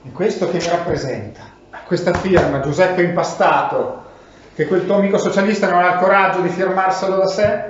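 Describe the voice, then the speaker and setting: A man's voice: sits high, steady tone, brisk, natural voice. A man acting a domineering, sarcastic father, scolding in an amateur film drama. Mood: sarcastic, angry. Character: scornful, domineering mafioso father scolding his son. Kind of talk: acted dialogue in an amateur short film. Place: kitchen indoors. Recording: very echoey, dull, slight noise.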